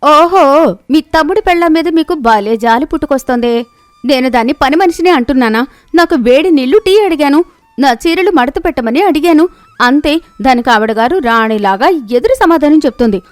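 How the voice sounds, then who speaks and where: Woman voicing a shrill, haughty shrew of a wife. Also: expressive, moderate pace, dry recording. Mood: scolding. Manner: shrill, scolding, taunting. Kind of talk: animated storybook voice acting.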